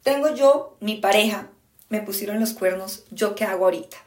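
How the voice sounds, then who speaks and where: A woman's voice: mid-range voice, moderate pace, darkish tone. A woman podcast host giving frank, emphatic relationship advice in a casual monologue, speaking straight to her listeners. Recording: echoey room.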